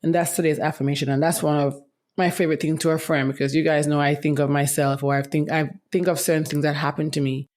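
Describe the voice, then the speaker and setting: With her voice influenced by medication, a young woman hosts a casual solo podcast, speaking openly and chattily and often using "let me tell you." She talks fast in a low, darkish voice that barely changes pitch.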